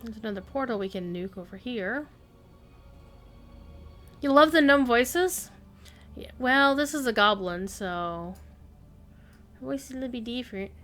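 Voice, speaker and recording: Bright-voiced woman streaming a game. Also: fairly high pitch, expressive, a little slow, long pauses. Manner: musing, thinking aloud. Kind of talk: casual live gameplay commentary. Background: soft game music.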